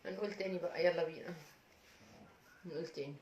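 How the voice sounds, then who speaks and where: A woman's voice: fairly low pitch, fairly even intonation, fast, a little mellow, reverberant, a little hiss or hum. A woman with an Egyptian Arabic accent hosting a casual live stream, in pain from a toothache, moaning and complaining wearily. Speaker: livestream host.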